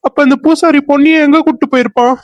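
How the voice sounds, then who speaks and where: A man's voice: very high voice, fairly even intonation, fast, no echo, highs cut off. A man voicing a determined young man in a cartoon serial who questions others and consoles a friend. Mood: pressing. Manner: pressing, then consoling. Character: firm young man leading a search.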